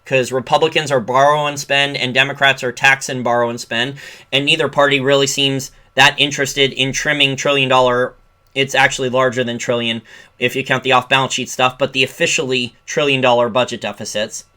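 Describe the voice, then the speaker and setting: A man's voice: medium pitch, little pitch movement, a little fast, pushed and bright, clean tone. A man giving solo commentary, reading from a report and breaking off into sarcastic rants. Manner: sarcastic, ranting asides. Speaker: finance commentator.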